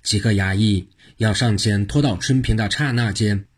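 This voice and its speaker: A man's voice: lowish voice, moderate pace, slightly rough. A man narrating a traditional tale in short, rhythmic phrases. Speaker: storyteller.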